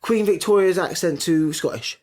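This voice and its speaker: A man's voice: a little high, normal speed, a little mellow. Emphatic, argumentative man. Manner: emphatic, argumentative, talks over his co-host. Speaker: podcast co-host. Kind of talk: casual chat.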